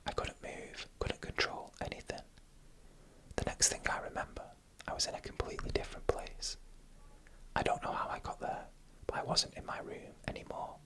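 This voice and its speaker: In a slow, deliberate manner, the host narrates frightening stories in a hushed, breathy ASMR whisper, speaking close to the mic.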